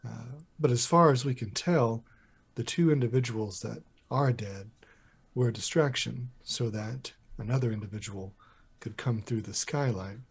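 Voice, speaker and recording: A man's voice: medium pitch, moderate pace, breathy edge. A man player speaking in character, polite and apologetic, hesitating with fillers. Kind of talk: in-character roleplay.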